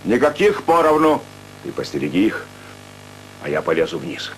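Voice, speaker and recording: An actor playing a fat, greedy, bullying robber in a theatrical comedy film. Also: male voice, sits low, big pitch swings, moderate pace. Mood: menacing. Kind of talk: theatrical comic film acting. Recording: noisy, humming old film soundtrack.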